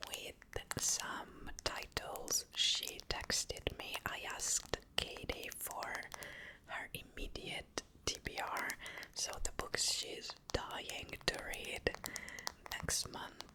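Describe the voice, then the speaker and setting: A woman whispering softly into a close mic, chatting about books in a gentle, unhurried way. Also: poor audio. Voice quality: soft whisper. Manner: slow, gentle, chatty with tapping sounds. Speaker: booktuber. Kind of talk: whispered ASMR book chat.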